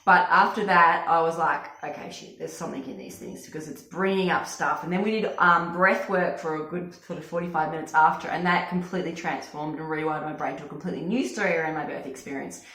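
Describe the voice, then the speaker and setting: A woman's voice: sits low, steady tone, fast, few pauses, sharp tone. A woman talking casually and effusively as a wellness coach, giving an informal personal testimonial. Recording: echoey room.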